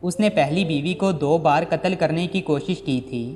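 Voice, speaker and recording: A man's voice: on the high side, moderate pace, natural voice. A man voicing a stern, fair-minded older uncle in a storybook reading, with a reproachful manner. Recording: long reverb with background music.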